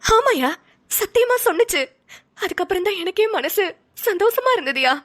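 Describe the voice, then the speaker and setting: A woman's voice: very high voice, sing-song, moderate pace, a bit bright, full character voice. A woman voicing a worried, coaxing middle-aged mother-in-law in a cartoon, speaking colloquial Tamil Nadu Tamil. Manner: coaxing, motherly, calls son affectionately.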